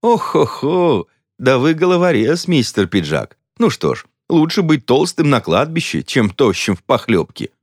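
A man's voice: medium pitch, sing-song, normal speed, hardly any pauses, no echo, clean studio sound, pitched above the performer's own voice. A man voicing a teasing woman from a queue with folksy sayings.

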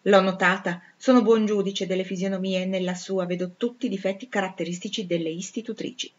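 A woman's voice: medium pitch, fairly even intonation, fairly quick, muffled recording, natural voice. A woman reading aloud, voicing a pompous older noblewoman who speaks in a dramatic, affected way. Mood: haughty.

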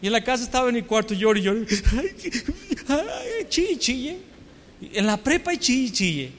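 A man's voice: extremely high pitch, big pitch swings, moderate pace, slight background noise. A man with a Mexican accent preaching a storytelling sermon, full of rhetorical questions and self-mocking humor. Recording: long hall reverb.

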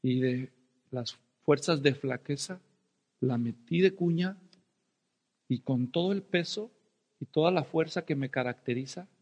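Dramatic preacher in a reverberant hall. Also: male voice, medium pitch, unhurried, long pauses. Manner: dramatic storyteller, shouting and whispering for effect. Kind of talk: sermon with personal story.

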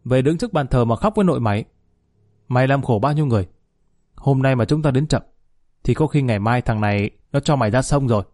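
A gruff, fatherly police colonel, as a man puts him on in a read-aloud story. He scolds briskly with a mellow, warm voice. The sound is dry and close. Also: mid-range voice, no echo, close to an everyday voice. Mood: scolding.

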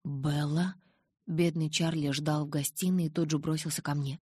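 Low, husky woman reading an audiobook. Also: flat delivery, brisk, warm tone, no room sound, clean studio sound. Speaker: audiobook narrator. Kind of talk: first-person audiobook narration.

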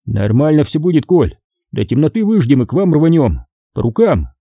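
A wisecracking army sergeant who jokes and exclaims, as a male narrator puts him on. His voice is lifted high above the narrator's, dark and husky underneath, and it leaps about. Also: big pitch swings, moderate pace, no echo, dull audio. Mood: wry banter.

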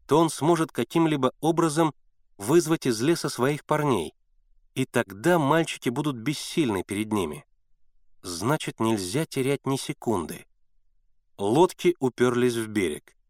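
A man reading a story aloud as an audiobook narrator, in steady scripted narration. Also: mid-range voice, dry recording, studio quality.

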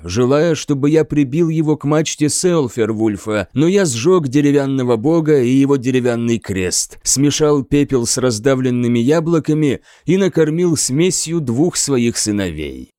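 A man narrates a first-person audiobook in a measured, dryly ironic storytelling manner. His pitch moves in a lively way through the phrases. The recording is close and dry, with no room sound. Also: dry recording.

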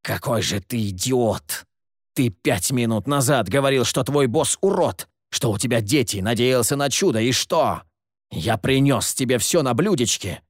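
A man voicing a sly, scheming man who mocks others in a low, hissing, sardonic tone. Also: huge pitch swings, moderate pace, no room sound, studio quality. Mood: scolding.

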